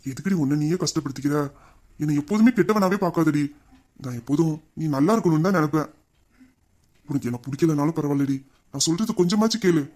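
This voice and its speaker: A man's voice: fairly high pitch, a little mellow, close to an everyday voice. A man voicing a devoted young husband who coaxes and pleads with his wife in an affectionate tone, as in a fan audio drama.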